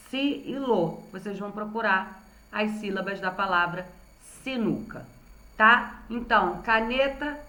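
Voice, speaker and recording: A woman's voice: a little high, fairly bright tone. A woman teacher with a Brazilian Portuguese accent, giving a recorded lesson to young children and patiently sounding out words syllable by syllable. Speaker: primary school teacher. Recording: roomy echo.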